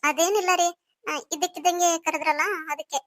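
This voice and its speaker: A woman's voice: very high-pitched, steady tone, a little fast, fairly bright tone, slight background noise. A woman voicing a young orphaned wife in a cartoon story, pleading and full of questions. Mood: questioning.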